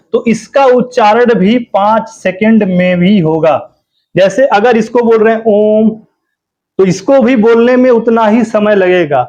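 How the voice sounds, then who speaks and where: A man's voice: high-pitched, darkish tone. A male teacher giving an exam-prep grammar lesson, asking questions and then answering them himself, and repeating key words to drill them in. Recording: dull lo-fi recording.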